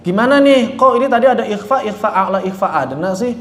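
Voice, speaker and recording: Talking fast with lively intonation at medium pitch, a Quran recitation teacher runs a classroom lesson where students repeat after them. They explain in steps, demonstrate the sounds, ask and answer their own questions, and correct mistakes firmly; the recording is echoey with faint background noise.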